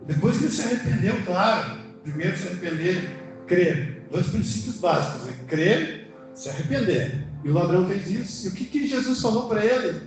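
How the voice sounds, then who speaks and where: A middle-aged man with a Brazilian accent, a preacher and church elder, gives a conversational sermon at an indoor church service, emphatically asking questions and answering them himself. His high voice is animated at a normal speed, in a very echoey hall with music behind.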